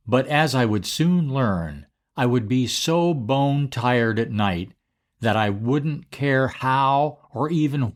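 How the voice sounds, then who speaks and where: An older man narrating a personal memory in a slow, deliberate storytelling manner. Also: mid-range voice.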